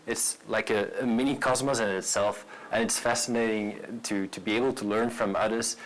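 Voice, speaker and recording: A late-twenties entrepreneur from Brussels, Belgium, speaks English with a Belgian accent in a somewhat low voice, interviewed to camera for a personal profile. He's earnest and a bit halting, doubling back on words as he explains himself, with fairly even intonation. The recording is low quality.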